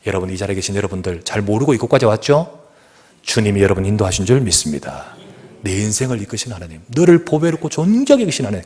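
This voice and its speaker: A man's voice: mid-range voice, darkish tone, husky. A male pastor preaching a sermon in a church, emphatic and asking the congregation questions. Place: church sanctuary.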